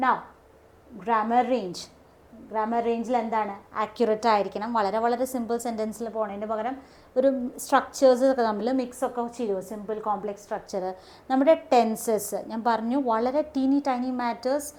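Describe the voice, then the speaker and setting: A woman with a Malayali English accent teaches an exam lesson, stating each point slowly in English, then explaining it quickly in Malayalam, with frequent "okay". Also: a little high, steady tone, darkish tone. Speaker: English test tutor. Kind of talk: classroom-style lesson.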